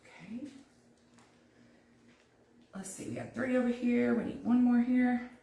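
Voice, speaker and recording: A woman's voice: fairly high pitch, fairly even intonation, unhurried, vocal fry, mellow, roomy sound. A woman with a Southern US accent from North Carolina, hosting a live craft tutorial and chatting with viewers while she gives step-by-step instructions. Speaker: craft host.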